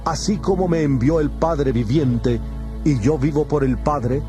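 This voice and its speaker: A man voicing Jesus as a calm, solemn teacher, his voice sitting a little high for a man. He speaks each line slowly and with great weight, as in a dramatized audio Bible. Music plays softly behind him. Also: natural voice. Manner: measured, solemn, declamatory. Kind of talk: dramatized scripture reading. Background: background music.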